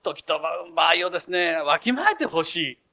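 A man voicing an impatient male disciple who grumbles and complains, in a high, lively voice. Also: moderate pace, highs cut off, exaggerated voice. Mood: grumbling. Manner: complaining, exasperated.

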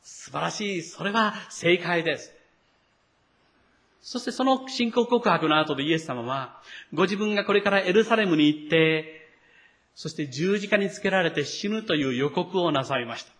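A man's voice: high voice, animated, moderate pace, a bit bright. A male pastor preaching a sermon, speaking to the congregation directly and acting out the quoted lines.

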